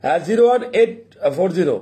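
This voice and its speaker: A man hosting a casual live call-in stream, friendly and laughing often, slowly repeating phone numbers to viewers. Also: high-pitched, expressive, mellow.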